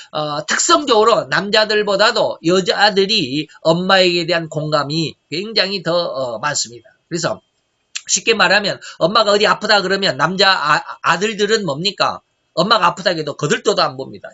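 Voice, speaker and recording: A middle-aged man preaching a sermon, asking rhetorical questions and swinging between loud and soft. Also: sits high. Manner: emphatic preaching, rhetorical questions, shifting loudness. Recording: dull lo-fi recording.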